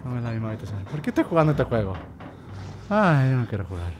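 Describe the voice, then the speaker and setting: A man's voice: medium pitch, sing-song, fast talker, darkish tone, a little hiss or hum. A man giving casual let's-play commentary on a horror game, talking himself through each move and yelping when he gets scared. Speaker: gamer playing a horror game.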